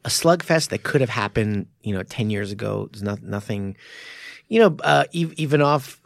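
A man's voice: on the low side, lively intonation, moderate pace, vocal fry, no room sound. A man co-hosting a podcast, casually and enthusiastically explaining fight technique in a studio. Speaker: podcast co-host.

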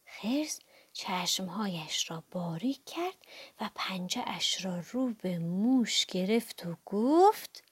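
A woman reading a children's audiobook aloud, playful and animated, adding sound effects. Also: mid-range voice, breathy edge, no echo. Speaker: storyteller.

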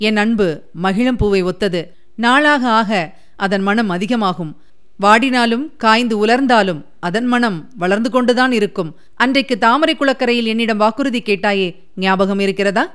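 A woman reading the part of a young prince who speaks calmly and reassuringly to his beloved. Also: fairly high pitch, moderate pace, clear, resonant tone, natural voice. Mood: tender. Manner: calm, reassuring.

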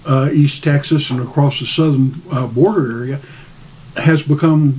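Male discussion guest, dark mellow tone, measured hesitant explainer, slightly muffled sound. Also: a little high, steady tone, slight background noise.

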